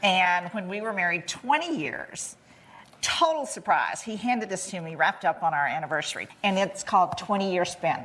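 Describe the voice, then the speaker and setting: A woman's voice: lowish voice, animated, moderate pace, fairly bright tone, rough recording. An older woman, a guest on a talk show, telling a heartfelt story and choking up as she speaks. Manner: emotional, tender storytelling. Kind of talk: casual chat.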